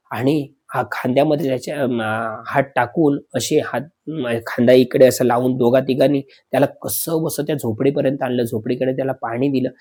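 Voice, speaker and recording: A man narrating a spoken horror story, dramatic, calling his listeners friends, with pauses and fillers as he slows for suspense. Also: mid-range voice, a little mellow.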